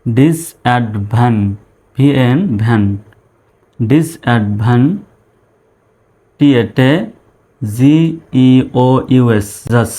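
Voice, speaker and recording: A man teaching English pronunciation, spelling each word letter by letter and then saying it slowly in syllables. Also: medium pitch, a little mellow.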